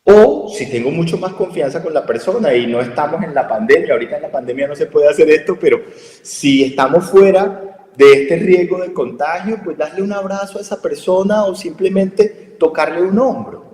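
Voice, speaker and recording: A man's voice: fairly high pitch, moderate pace, darkish tone. A man with a Colombian Spanish accent, giving an explanatory radio talk on health communication and often asking rhetorical questions. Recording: echoey room with long reverb.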